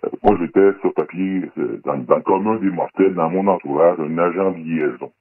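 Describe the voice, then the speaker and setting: Speaking at a normal pace, the same disguised former undercover federal police agent answers radio interview questions in Québécois French, his voice electronically lowered to a very deep pitch. He stays guarded and hesitant, leaning on plenty of fillers, over a dry, phone-like band-limited line with no room sound.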